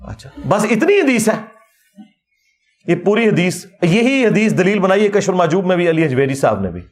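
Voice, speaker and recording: High-voiced man. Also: normal speed. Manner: animated, mocking, argumentative. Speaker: Islamic preacher. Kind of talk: religious rebuttal lecture.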